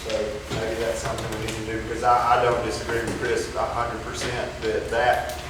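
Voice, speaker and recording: A man's voice: mid-range voice, completely flat delivery, fairly quick. A man talking informally in a public meeting discussion. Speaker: local board member at a public meeting. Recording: echoey room, distant mic, background noise.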